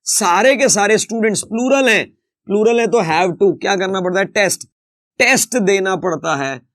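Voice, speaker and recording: A man teaching English grammar in a lively, chatty way, reading each example sentence slowly and then explaining it. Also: high voice, dry recording, studio quality. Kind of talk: grammar lesson explained in Hindi.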